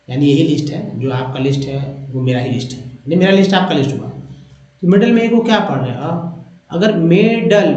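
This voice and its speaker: A man's voice: high voice, a little mellow. A man teaching English letter sounds. He patiently asks how each word is read and answers himself. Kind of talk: Hindi-language phonics lesson. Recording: very echoey room, slightly dull sound.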